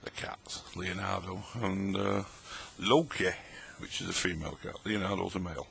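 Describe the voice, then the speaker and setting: A man's voice: low-pitched, fairly even intonation, moderate pace, gravelly, fairly bright tone, slight background noise. A middle-aged man, chatting and joking in a rambling way while tasting old tinned food at his table late at night. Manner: chatty, rambling, jokey, talks while eating. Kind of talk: casual late-night vlog talk.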